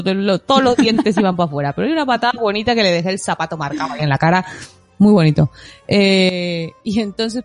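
A middle-aged woman talks on a casual podcast. She tells stories with lively, animated energy and laughs often. Faint music plays underneath. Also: mid-range voice. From Mexico. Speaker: podcast co-host.

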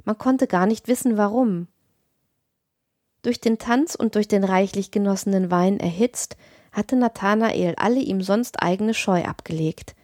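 A woman narrating a classic tale as an audiobook reader, in a measured, expressive reading. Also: mid-range voice, dry recording, clean studio sound.

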